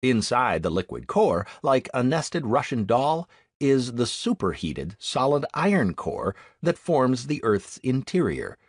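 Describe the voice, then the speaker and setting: A cheerful Ecuadorian guide in his thirties, played by a man, talking with a Spanish accent in a lively, up-and-down voice with a husky edge. He explains things patiently and slows over tricky words, in a dry, close audiobook read. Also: medium pitch, dry recording, heavily acted. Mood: explaining.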